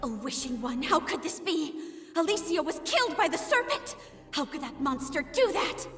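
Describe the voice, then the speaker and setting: A woman's voice: sits high, very animated, normal speed, a bit bright. Echoing, anguished female ghost. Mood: anguished disbelief. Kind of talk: scripted game dialogue. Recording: distant, long echoing reverb over music.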